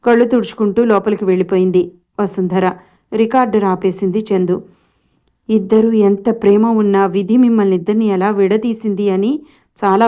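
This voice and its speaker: A woman storyteller reading a serialized story aloud in a calm, measured way. Her voice is mellow and dark-toned, at a middling pitch. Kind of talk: scripted story narration.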